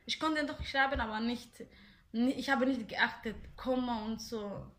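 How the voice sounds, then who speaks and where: A woman's voice: fairly high pitch, normal speed, fairly bright tone. Hesitant young woman. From Somalia. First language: Somali. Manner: hesitant, many fillers and restarts. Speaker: interviewee. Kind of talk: casual interview answers.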